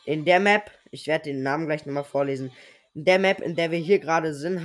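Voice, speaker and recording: A young man who is sick with a sore throat gives casual, slangy solo commentary on a game, muttering to himself as he plays. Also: fairly high pitch. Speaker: host of a gaming podcast.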